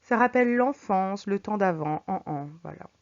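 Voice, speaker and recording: A woman teacher explaining figures of speech to her students, patient, reading examples slowly and clearly. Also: mid-range voice, lively intonation. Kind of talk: recorded French lesson. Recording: dull lo-fi recording.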